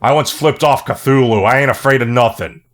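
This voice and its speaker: A man's voice: medium pitch, normal speed. Snarky profane male movie reviewer. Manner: snarky, profane, deadpan jokes. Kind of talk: sarcastic comedic movie review narration.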